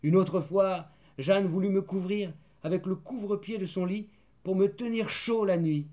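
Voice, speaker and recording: Mellow-voiced man reading a storybook. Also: high voice, a little slow. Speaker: audiobook narrator. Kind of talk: scripted storybook narration.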